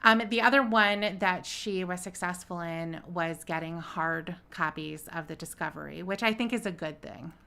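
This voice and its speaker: Bright lower-voiced woman, podcast cohost chatting loosely from home, lots of ums. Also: moderate pace, gravelly, few pauses, smooth. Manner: chatty, many fillers and laughs. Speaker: podcast co-host. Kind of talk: casual chat about a court case. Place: home with her dog.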